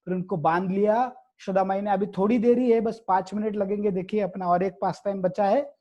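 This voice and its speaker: A man's voice: sits high, fairly even intonation, fairly quick, lo-fi sound. A man telling a devotional story, explaining as he goes with repetitive asides to listeners.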